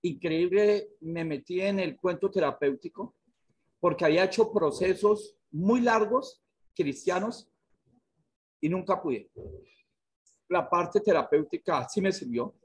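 A husky middle-aged man from Colombia speaks frankly and earnestly about his past, his voice set a little higher than most men's. He is heard over a webcam on a video call from an indoor room. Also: measured pace, long pauses. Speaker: director of a therapeutic community.

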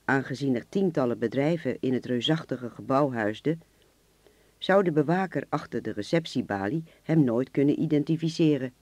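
A man narrating a radio drama in a measured, even storytelling voice. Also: medium pitch, dry recording.

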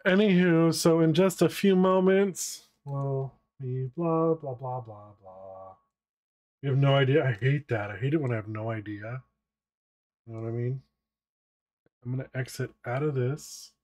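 Playful streamer man, slow-talking. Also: mid-range voice, darkish tone. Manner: playful, laughs often, greets viewers. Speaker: variety game streamer. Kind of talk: casual live-stream chat.

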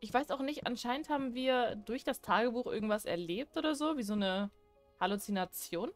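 A woman's voice: a little high, brisk, faint music behind. A young woman chatting casually while she plays a horror game, joking and talking back to what happens on screen. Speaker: let's play gamer.

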